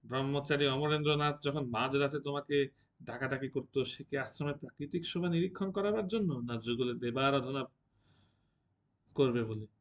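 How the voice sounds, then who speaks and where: A man's voice: mid-range voice, normal speed, highs cut off, lightly acted. A man putting on a drunk, mocking young warrior. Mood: drunken taunting. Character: drunken taunting young male monk-warrior.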